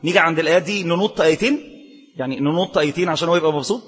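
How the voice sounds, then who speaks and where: A man with an Egyptian Arabic accent delivers a quick-paced, emphatic sermon. He has a high, slightly husky voice and keeps pressing the listener with rhetorical questions. His voice rings out with a long reverb, as in a large hall. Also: a bit bright. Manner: mixes formal recitation with colloquial asides. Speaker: preacher.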